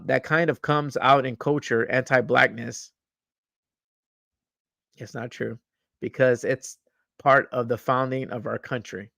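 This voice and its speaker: A man's voice: mid-range voice, gravelly, a bit bright, no room sound, studio quality. A young man hosting a podcast, reading news aloud and ranting about it, stumbling over words, repeating himself and swearing as he gets heated. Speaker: podcast host.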